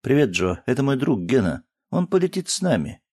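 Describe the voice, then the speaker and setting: A man's voice: mid-range voice, very animated, normal speed, a little mellow. A man voicing an easygoing woman spaceship pilot in an audiobook, speaking in a casual, familiar way. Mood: friendly, casual.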